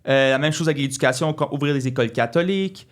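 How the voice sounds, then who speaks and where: A man, speaking earnestly as an interview guest and often restarting his sentences. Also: on the high side. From Quebec. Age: 20s. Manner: earnest, halting with many restarts. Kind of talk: casual interview talk.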